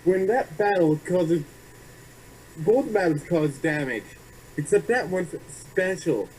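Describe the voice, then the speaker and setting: A young man co-hosting a film review, chatty and a little halting as he adds his points. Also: high-pitched, lively intonation, darkish tone, slight background noise, low-quality recording. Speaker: reviewer co-host. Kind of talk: casual review chat.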